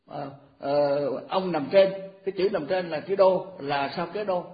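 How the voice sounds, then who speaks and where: Elderly monk in his 80s, fairly high voice, folksy repetitive teaching, echoey muffled recording. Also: a little slow. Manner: folksy, repetitive, rattles off verse formulas. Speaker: Buddhist monk. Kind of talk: informal dharma talk.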